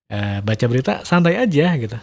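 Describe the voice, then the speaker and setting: Male voice-over pro, casual talk, fast and lively, bending his intonation freely. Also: medium pitch, creaky. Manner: lively, laughs often, talks quickly; shifts intonation to demonstrate reading styles. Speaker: voice-over talent giving a talk.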